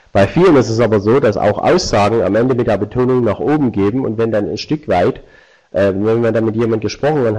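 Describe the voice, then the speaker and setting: A man's voice: fairly low pitch, darkish tone, breathy edge, rough recording. A man presenting a live online seminar, explaining points directly to his viewers. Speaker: webinar presenter.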